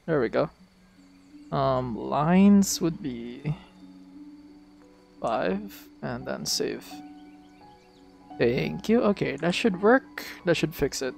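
A man streaming a game, chatting casually and excitably, swearing freely as he talks to his viewers. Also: fairly high pitch, drawn-out words, creaky, long pauses, faint music behind. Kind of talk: casual live-stream chat.

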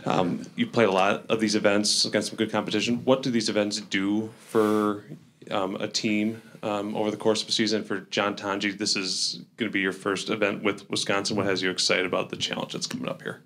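A male reporter asking players questions at a press conference, halting and rephrasing as he goes. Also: lowish voice, level tone, a bit bright, slight background noise.

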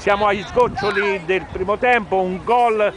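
A man's voice: sits high, normal speed. A man giving live amateur football commentary from the touchline. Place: outdoor football pitch, by the bench. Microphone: handheld camera, held by the speaker. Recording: noisy outdoor camera recording with crowd. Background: match crowd and outdoor noise.

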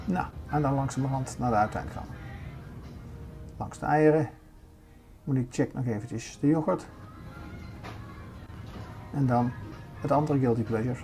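A man's voice: mid-range voice, unhurried, pauses often, warm tone, faint music behind. An older man giving a chatty narration of a walk through a large supermarket, pointing things out as he goes. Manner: chatty, showing things around as he walks. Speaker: vlogger. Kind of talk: casual shopping vlog narration.

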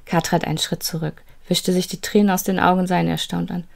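Low, gravelly woman telling a story. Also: fast. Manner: steady, suspenseful storytelling. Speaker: narrator. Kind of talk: storybook narration.

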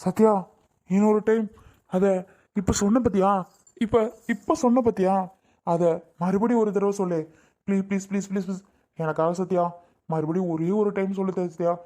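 A woman's voice: medium pitch, steady tone, normal speed, warm tone, close to an everyday voice. A woman playing an eager young husband who keeps pleading and repeating himself insistently. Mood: overjoyed. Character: eager young husband, anxious then overjoyed. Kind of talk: Tamil family skit acting.

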